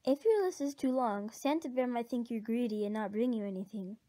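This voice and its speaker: A man voicing a confident older boy bear cub in a storybook reading, talking quickly and knowingly. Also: very high-pitched, dark tone, pitched above the performer's own voice. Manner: quick, know-it-all.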